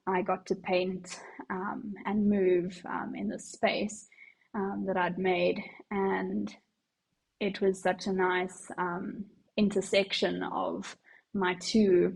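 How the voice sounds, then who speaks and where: A young woman answers interview questions in a soft, thoughtful voice that sometimes drops almost to a whisper. Her tone is husky and gravelly, and her pitch stays fairly flat. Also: slow pace, low-quality recording. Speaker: powerlifting coach and artist, guest.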